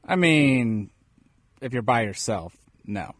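A man's voice: medium pitch, lively intonation, takes it slowly, a bit bright, no echo. A man co-hosting a radio show, chatting in a laid-back, matter-of-fact way. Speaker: radio co-host. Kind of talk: casual sports radio chat. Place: studio.

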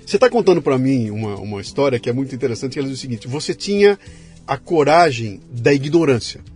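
Animated, fast-talking Brazilian host. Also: male voice, medium pitch, soft background music. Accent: Brazilian Portuguese. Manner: animated storyteller, acts out quotes. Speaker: podcast host. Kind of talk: conversational interview.

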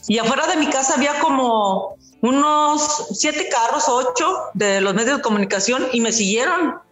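Mexican lady telling stories on a podcast, kinda cocky, high pitched, echoey room. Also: moderate pace, soft background music. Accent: Mexican Spanish. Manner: lively, boastful storyteller who acts out quoted dialogue. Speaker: guest. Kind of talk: casual storytelling interview.

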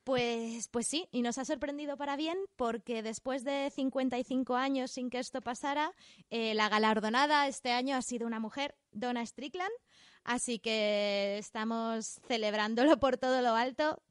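A woman's voice: a little high, normal speed, clear, resonant tone, no echo. A woman co-hosting a chatty podcast from a studio, upbeat and jokey. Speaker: podcast co-host. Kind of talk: casual podcast chat.

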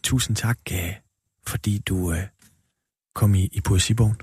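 A man's voice: on the low side, steady tone, darkish tone, husky, no room sound. A man hosting a radio interview with a poet, prompting him with short encouraging remarks. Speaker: radio host.

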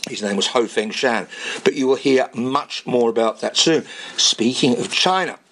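Hoarse, raspy man hosting radio. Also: medium pitch, a bit bright, poor audio. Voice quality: raspy, strained voice. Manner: rambling, dramatic pauses and repetition. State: hoarse, losing his voice. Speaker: radio show host. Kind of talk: informal radio monologue between songs.

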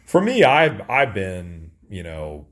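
A deep male voice with wildly swooping pitch moves at a slow pace over audible stadium-booth ambience. It belongs to a soccer radio play-by-play announcer from St. Louis, United States, who is a guest in a casual, candid interview full of personal anecdotes.

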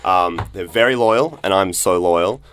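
A man's voice: low voice, a little slow, a bit bright, a little hiss or hum. A man playing a bachelor on a joking podcast dating game, rambling and laughing as he talks. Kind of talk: joking studio banter.

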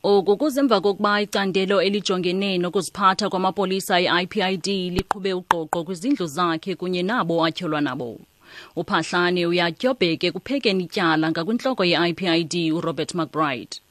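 A woman's voice: lowish voice, fairly quick, a bit bright, no echo. A woman reading a scripted radio news bulletin.

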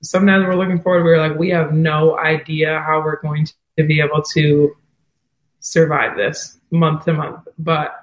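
In an earnest interview, a woman whose voice is giving out speaks with heartfelt faith about running her wedding venue. She's low-pitched and level at normal speed, heard in an echoey room on a low-quality recording.

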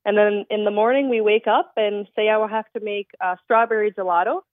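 A young Dutch woman who owns a creamery describes her work as a guest on a radio phone interview, saying "um" often. Her medium-pitched voice is steady and fairly quick, without echo, though the phone line sounds tinny.

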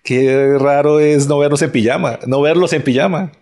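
A man's voice: fairly high pitch, moderate pace, a little mellow. A man from Colombia co-hosting a podcast, chatting animatedly and laughing a lot. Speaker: podcast co-host. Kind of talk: casual chat. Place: podcast studio set.

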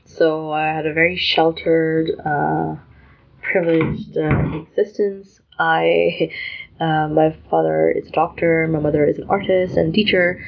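Young woman from Pakistan, podcast guest, gravelly fry, chatty and self-deprecating, muffled lo-fi audio. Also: low-pitched, flat delivery, measured pace, slight background noise. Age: 20s. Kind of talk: podcast interview.

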